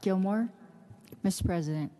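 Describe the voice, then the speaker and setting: A woman serving as council secretary, calling the roll in a crisp, clipped way. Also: mid-range voice, moderate pace, dark tone. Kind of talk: roll call. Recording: echoey council chamber.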